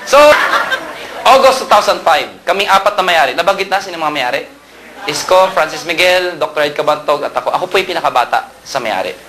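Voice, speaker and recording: A man's voice: a little high, fairly quick, a crowd in the background. A man in his thirties from Pangasinan in the Philippines, a company co-owner giving a humorous sales talk and firing rhetorical questions at his audience. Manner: animated joking storyteller, fires rhetorical questions at the audience.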